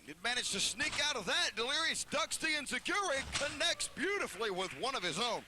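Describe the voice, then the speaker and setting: A man giving excitable play-by-play wrestling commentary, calling moves in clipped phrases. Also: extremely high pitch, fairly quick, noisy background.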